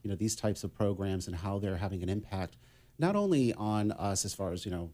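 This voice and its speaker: A middle-aged man from Massachusetts, a guest on a radio talk show, speaking in a relaxed, conversational way with many fillers. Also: deep voice, a little fast. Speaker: guest, business consultant. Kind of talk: casual radio interview.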